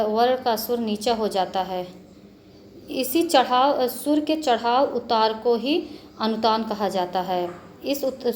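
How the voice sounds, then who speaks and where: A woman's voice: fairly high pitch, a little mellow, slight background noise. A woman teacher patiently explaining a grammar lesson to children, spelling out letters and repeating points. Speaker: school teacher.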